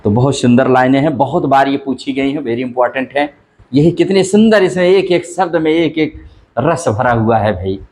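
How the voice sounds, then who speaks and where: A man teaching a literature class, reciting verse slowly and then explaining it in lively rising tones. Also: medium pitch. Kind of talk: Hindi literature lesson explaining a poem.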